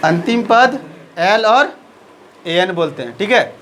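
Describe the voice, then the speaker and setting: A man's voice: sits high, expressive, slow pace, a bit bright, a little hiss or hum, rough recording. A man teaching a maths lesson in speech, asking questions and answering them himself.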